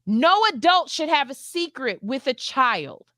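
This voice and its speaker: A woman's voice: high voice, sing-song, unhurried, fairly bright tone, dry recording, clean studio sound. A woman in her forties hosting a talk show, speaking earnestly and emphatically, often repeating herself. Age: 40s. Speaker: host. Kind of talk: heartfelt talk-show monologue.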